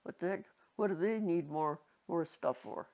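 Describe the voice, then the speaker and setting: A very old woman in her nineties reminiscing casually, halting and rambling, with a creaky aged voice. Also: fairly low pitch. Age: 90s. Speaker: interviewee. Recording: dull lo-fi home recording.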